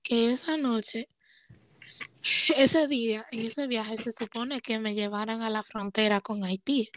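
Young woman, podcast guest: high voice, candid and heartfelt, slips into English now and then, dry close sound. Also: fairly even intonation, measured pace, no room sound. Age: young adult. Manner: emotional, candid, switches into English phrases. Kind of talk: casual conversation.

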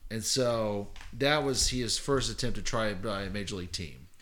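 A man with a fairly low voice recounts a story in casual podcast chat. He meanders, stops to correct himself and leans on fillers as he goes. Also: normal speed, a bit bright, slight background noise. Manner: rambling, self-correcting, many fillers. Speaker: podcast co-host.

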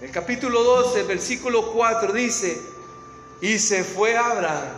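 Male preacher with a Latin American Spanish accent, very high voice, dramatic storytelling sermon, recorded in a reverberant hall with faint music behind. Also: unhurried. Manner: storytelling, dramatic swings from hushed to shouting.

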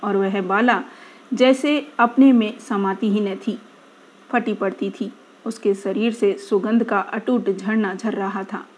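A woman reading aloud a literary first-person story in a measured way, often dropping to a quieter tone. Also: mid-range voice, fairly even intonation.

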